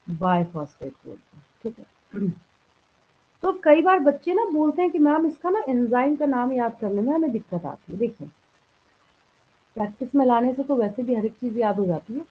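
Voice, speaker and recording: A woman with a fairly high, husky voice teaches biology to a class. She poses each point as a question and answers it herself, checking often that the students follow. The sound is thin and phone-like. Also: expressive, normal speed. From India. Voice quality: clears throat now and then. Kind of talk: classroom lecture in a live class.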